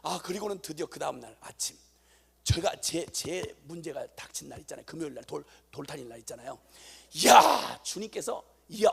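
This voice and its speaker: A middle-aged man, a missionary preacher, telling a testimony in a sermon with lively, animated storytelling. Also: high-pitched, gravelly, breathy edge. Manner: animated storytelling, acting out voices, rising to shouts.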